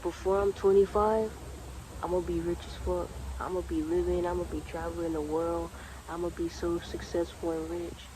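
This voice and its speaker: Out by the water with noise around him, a male vlogger in his twenties talks briskly in a high-pitched, level voice. He's sincere and relaxed as he discusses spirituality, circling back over the same points.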